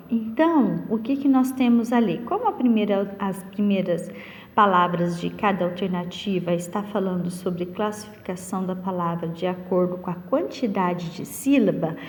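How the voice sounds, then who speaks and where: A woman teacher giving a recorded lesson to young pupils, patiently asking questions and answering them herself. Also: medium pitch. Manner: slow, patient, questions and answers her own questions. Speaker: primary school teacher. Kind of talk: recorded online class lesson. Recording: long reverb.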